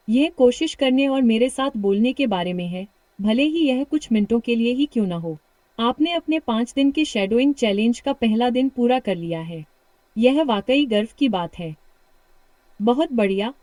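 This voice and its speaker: Speaking with a British accent, an English coach runs a shadowing practice session, offering warm encouragement and saying each drill line slowly and clearly more than once. Her pitch sits a little high, and the audio is close and dry without any echo or room around it.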